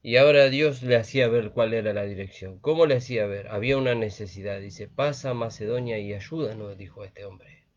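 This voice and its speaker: A man's voice: fairly low pitch, fairly quick. A man preaching a sermon, earnest and repetitive, often asking "¿vio?". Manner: earnest, repeats phrases with frequent "¿vio?". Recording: dull lo-fi recording.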